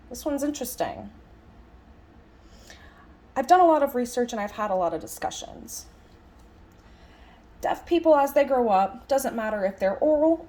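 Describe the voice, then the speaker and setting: A sign language interpreter, a woman with a slightly high voice and a dark tone, voices a signed lecture aloud. Her delivery is conversational, with thoughts broken into short, halting phrases and stress placed on key words.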